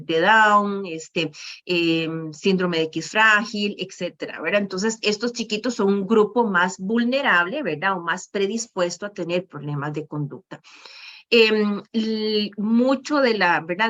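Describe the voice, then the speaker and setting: A woman gives a presentation to professionals on child behavior, checking in often with "¿verdad?" and pausing on fillers. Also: medium pitch, fairly bright tone. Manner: frequent "¿verdad?" tags and fillers. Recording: muffled lo-fi recording.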